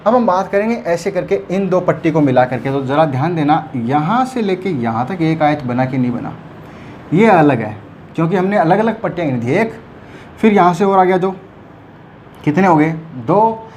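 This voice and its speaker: Male teacher, somewhat high voice, patient and repetitive, keeps checking in with the class, faint hiss behind. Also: lively intonation, moderate pace, darkish tone. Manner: explains patiently, keeps checking students follow. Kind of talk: whiteboard math lesson.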